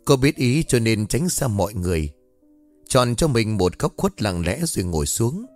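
A man narrating a dramatic story in a steady, measured way. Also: lowish voice, no room sound, soft background music.

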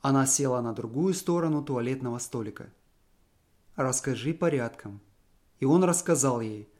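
Male narrator reading a classic story calmly. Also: mid-range voice, a little fast.

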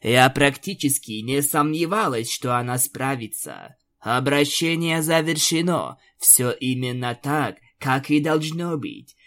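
A man's voice: medium pitch, animated, a bit bright. Man voicing Alanis, a sneering vampire leader. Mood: cold scorn. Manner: slow, sneering and condescending. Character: cold, mocking female vampire pony leader. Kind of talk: audiobook character voice.

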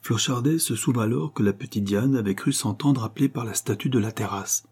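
Husky, mellow male audiobook narrator. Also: mid-range voice, a little fast. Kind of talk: audiobook narration of a classic novel.

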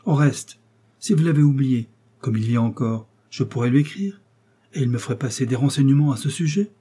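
A man voicing a cold, mocking English lord who speaks with sardonic, quietly menacing calm; his voice is husky. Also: medium pitch, a little fast, lightly acted. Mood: contemptuous.

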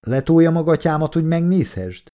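Audiobook: brash, foul-mouthed young soldier, shouting in a raised pitch, played by a male reader. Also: expressive, close to an everyday voice. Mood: indignant. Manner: profane, shouting, cocky.

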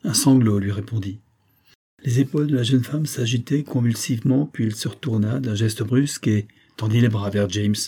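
Dark, husky male audiobook narrator. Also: mid-range voice, normal speed. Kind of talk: scripted narration.

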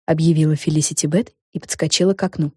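A woman narrating a children's storybook in a clear, expressive way. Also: low-pitched, fast talker, no room sound, clean studio sound.

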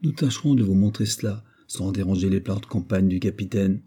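Man reading a calm engineer. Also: deep voice, a little fast, breathy edge, heavily acted. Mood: measured.

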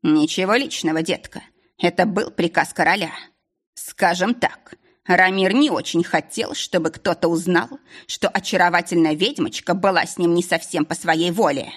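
A woman voicing a cold, scheming male duke who taunts his captives in a slow, mocking drawl. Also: on the low side, natural voice. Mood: smug, mocking.

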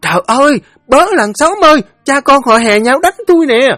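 A man voicing a sharp-tongued young daughter-in-law, shrill and accusing. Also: animated, fast talker, breathy edge, no echo, faint music behind. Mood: wailing.

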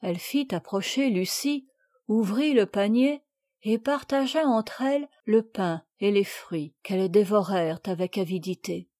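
Woman reading a classic novel, mellow. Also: mid-range voice, no echo, clean studio sound. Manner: measured, expressive storytelling. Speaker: audiobook reader.

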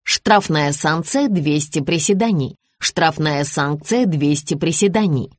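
A woman voicing an enchanted slimming belt that announces penalties in a slow, monotone drone. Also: sits low, no room sound, pitched below the performer's own voice. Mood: droning. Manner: droning, monotone.

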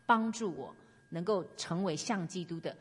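A woman's voice: on the low side, moderate pace, slightly rough. A woman preaching earnestly, sharing testimony and urging her listeners on. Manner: earnest, exhorting. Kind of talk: sermon with personal testimony. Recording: long hall reverb.

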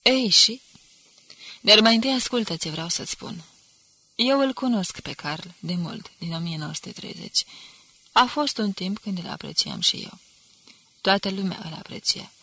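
A woman's voice: medium pitch, sing-song, sharp tone, husky, no room sound, full character voice. A woman reading the part of a contemptuous, hard-drinking male enemy agent who speaks with cool disdain. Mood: scornful.

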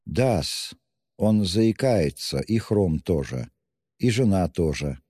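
A man's voice: low voice, lively intonation, slow, mellow, breathy edge, dry recording, studio quality, big-room sound, full character voice. A man voicing a timid, pious young woman who pleads breathlessly in an audiobook reading. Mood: shy explaining. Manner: pleading, breathless, wringing out words.

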